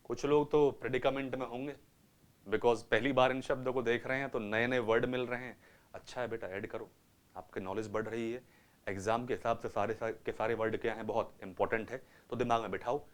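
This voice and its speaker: A man teaching English vocabulary to a class in a classroom, repeating each word in a call-and-response way and drawing out English phrases slowly for dictation. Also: mid-range voice, steady tone. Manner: repetitive call-and-response questioning, addresses students as beta. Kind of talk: classroom lecture.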